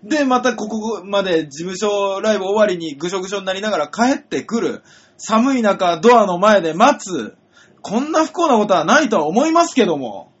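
A man with a husky voice, a comedian co-host, gives wordy, self-justifying explanations in comic banter. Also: high-pitched, big pitch swings, brisk. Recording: dull lo-fi audio with music behind.

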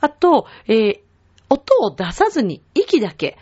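A woman's voice: a little high, wildly swooping pitch, a little slow, a little mellow, husky. A woman teaching a vocal lesson, patiently explaining and demonstrating sounds for her listeners to copy. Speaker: singing teacher. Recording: dull lo-fi web show audio.

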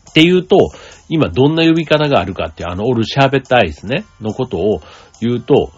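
A man's voice: medium pitch, sing-song, fast talker, husky. A man from Kansai hosting a casual solo talk show, rambling with many fillers and asides. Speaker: podcast host. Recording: slightly dull lo-fi audio with faint music.

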